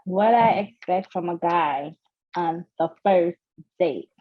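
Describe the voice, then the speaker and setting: Slow-talking nervous woman from Guyana. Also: lowish voice, muffled recording. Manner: hesitant, nervous, giggly, many fillers. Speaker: guest. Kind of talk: casual chat.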